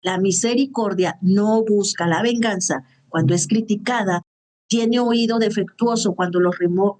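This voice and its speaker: A woman's voice: medium pitch, darkish tone. A woman teaching the Bible in an earnest, conversational way, often checking in with her listeners. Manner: earnest, conversational, with frequent "¿sí?" and "¿verdad?" check-ins.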